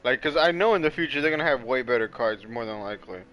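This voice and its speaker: A man's voice: medium pitch, expressive, fast, a bit bright, poor audio. A young man hosting a casual podcast, talking earnestly and defensively, often trailing off and restarting. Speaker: podcast host. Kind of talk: casual chat.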